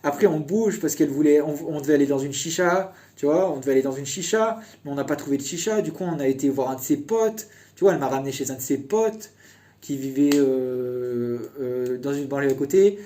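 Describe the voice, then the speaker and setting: A man's voice: fairly high pitch, brisk, mellow. A young man casually telling a personal story in a chatty, meandering way.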